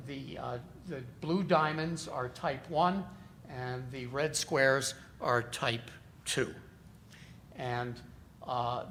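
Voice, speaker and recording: A man presenting research at a conference, explaining results in a measured way with frequent fillers. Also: medium pitch, a bit bright, a little hiss or hum. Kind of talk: academic conference talk. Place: conference hall.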